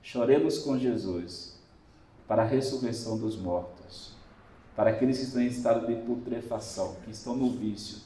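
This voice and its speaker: Brazilian priest preaching in echoey church. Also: male voice, mid-range voice, normal speed, mellow, distant mic. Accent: Brazilian Portuguese. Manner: emphatic, repetitive exhortation addressing listeners directly. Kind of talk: Sunday homily.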